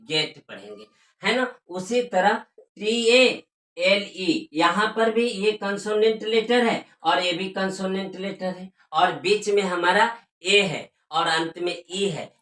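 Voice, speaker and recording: A woman gives a spoken pronunciation lesson, spelling out letters one by one and repeating each word so learners can follow. Her voice is bright and fairly low, and she speaks at an unhurried, deliberate pace. The recording carries a noticeable room echo. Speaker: English teacher. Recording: echoey room.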